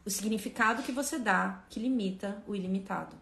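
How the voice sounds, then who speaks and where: A woman's voice: medium pitch, fairly quick, vocal fry, fairly bright tone, roomy sound. A woman hosting a spiritual lesson on a live stream, speaking fervently and emphatically, repeating phrases and turning to her viewers.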